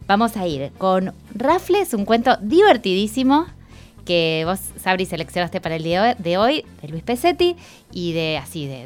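A woman with an Argentine accent hosting a radio show in a chatty, upbeat way. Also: fairly low pitch. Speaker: radio host.

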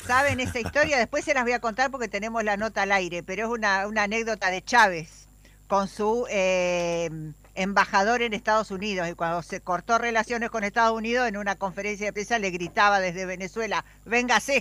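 A woman's voice: medium pitch, fairly quick, fairly bright tone, no echo. Chatty Argentine radio woman, dry sound. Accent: Argentine Spanish. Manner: chatty, conversational. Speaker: radio reporter and interviewer. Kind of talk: live radio interview.

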